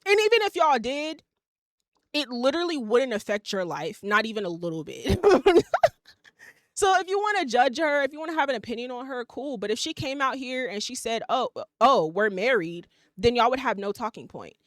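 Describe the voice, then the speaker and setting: A woman's voice: fairly high pitch, very animated, moderate pace, no room sound, studio quality. A woman, hosting a podcast and ranting bluntly with plenty of swearing. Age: 20s. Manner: blunt, profane, emphatic ranting. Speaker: podcast host. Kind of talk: casual opinion monologue.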